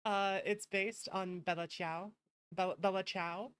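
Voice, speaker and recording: A woman's voice: mid-range voice, steady tone, unhurried, clear, resonant tone, no room sound. A woman streamer chatting casually to her viewers in an affectionate, effusive and thankful manner. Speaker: streamer hosting a live stream. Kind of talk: casual livestream chat to viewers.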